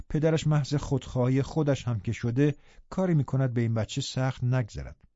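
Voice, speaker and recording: A man reads a novel aloud in calm, measured first-person narration. His voice is mellow and dark, and the recording is dry and dull, with a lo-fi edge. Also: mid-range voice, no echo. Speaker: audiobook narrator.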